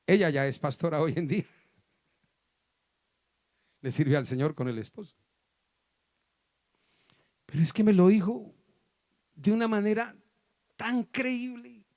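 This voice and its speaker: Male pastor, Colombian accent, higher voice, dry close recording, dramatic sermon storytelling. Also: no room sound. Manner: dramatic storytelling, acting out voices with sudden loud and soft turns. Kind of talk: sermon testimony. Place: church hall.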